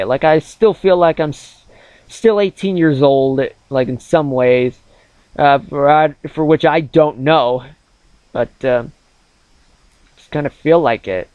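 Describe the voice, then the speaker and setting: A man's voice: mid-range voice, dry recording. Rambling young man, dull dry mic. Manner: rambling, heavy with fillers like "like" and "uh". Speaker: gaming channel host. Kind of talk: casual chat over gameplay.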